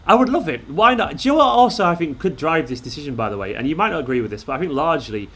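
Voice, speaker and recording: A man's voice: a little high, very fast. Chatty man live-streaming late at night. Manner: excitable, chatty, jokey banter with viewers. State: tired. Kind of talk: casual live-stream chat reading viewer comments.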